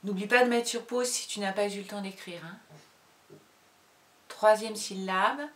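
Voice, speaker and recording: A woman teacher giving a slow dictation to young pupils, calling out each syllable loudly and patiently. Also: mid-range voice, fairly even intonation, roomy sound, far from the mic. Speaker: primary school teacher.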